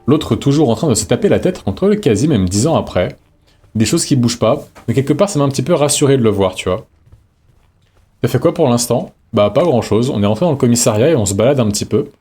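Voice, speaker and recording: A man with a warm, husky, medium-pitched voice livestreams a horror game. He chats casually in slang, talking to himself and his viewers as he plays, giving live let's-play commentary.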